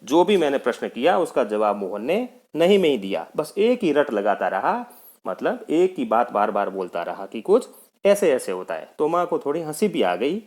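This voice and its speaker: A man's voice: medium pitch, sing-song, normal speed, a little mellow. A male teacher explaining a textbook play to children, addressing them directly. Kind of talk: explaining a textbook lesson to students.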